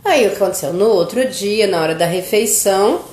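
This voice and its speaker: A woman's voice: mid-range voice, animated, brisk, darkish tone. A middle-aged woman hosting a live stream, telling a family story in a chatty, casual way and often tagging her sentences with a questioning "right?". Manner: chatty, keeps asking "né?" after her sentences. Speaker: host of a live stream about children's nutrition. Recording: roomy echo.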